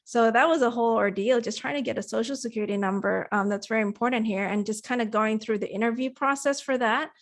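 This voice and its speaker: A woman's voice: a little high, fast, few pauses. A woman who grew up in Indonesia and Australia, a TV producer and interview guest, telling her story in a chatty, rambling way with plenty of fillers. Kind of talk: casual interview.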